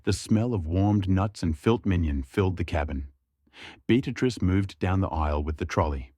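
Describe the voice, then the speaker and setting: Low-voiced male story narrator. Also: husky, no room sound, studio quality. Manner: steady, measured storytelling.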